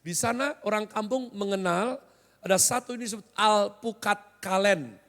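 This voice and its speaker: A man preaches a sermon in a large hall, and his words trail off in a long reverb. He keeps it conversational and jokey, tossing quick questions at the congregation. His voice sits well above most men's. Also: high voice, a bit bright. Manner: joking, conversational, often quizzes the congregation. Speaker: pastor. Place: large hotel hall used as church.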